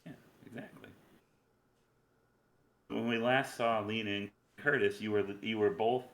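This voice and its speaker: A man's voice: fairly low pitch, steady tone, a little slow, a bit bright, echoey room. A man acting as game master, casually improvising narration and questions for a tabletop role-playing game.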